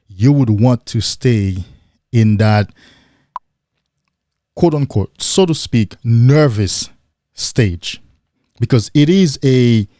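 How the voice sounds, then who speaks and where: A man hosts a motivational livestream, speaking emphatically and posing rhetorical questions, occasionally imitating excited men in a higher voice. The recording is dry and of studio quality.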